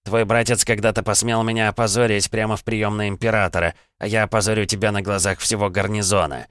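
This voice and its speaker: A man's voice: lowish voice, flat delivery, fast, fairly bright tone, no echo, studio quality, close to an everyday voice. A man voicing an arrogant, spiteful male noble mage who sneers and curses. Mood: sneering. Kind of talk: audiobook reading.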